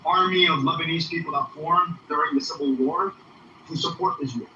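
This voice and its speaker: A man in a casual debate, jumping in fast to explain and correct others. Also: a little high, bright, forceful tone, recorded from a distance. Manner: rapid, interjecting. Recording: roomy, muffled, faint noise.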